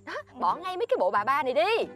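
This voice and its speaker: A woman's voice: high-pitched, very animated, fast talker, fairly bright tone, faint music behind. A woman playing a bossy, lecturing girlfriend. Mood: boastful.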